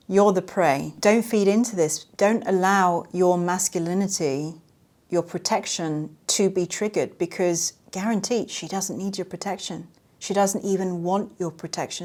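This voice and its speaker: A woman with a somewhat low voice hosts a solo podcast monologue. She speaks earnestly and emphatically, often repeating a line to drive it home. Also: darkish tone. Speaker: podcast host.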